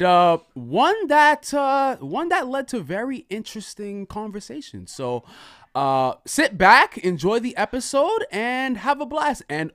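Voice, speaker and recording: A man's voice: high voice, a bit bright, no room sound, studio quality. A man hosting a casual podcast, bantering with playful, tongue-in-cheek bravado. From Haitian background. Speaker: podcast host.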